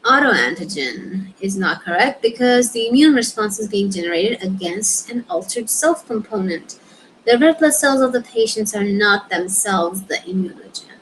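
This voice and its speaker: A woman's voice: mid-range voice, animated, normal speed, fairly bright tone, a little hiss or hum, low-quality recording. A young woman reviewing exam questions, reading answer explanations aloud and muttering short asides to herself as she works them out. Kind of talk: thinking aloud while studying.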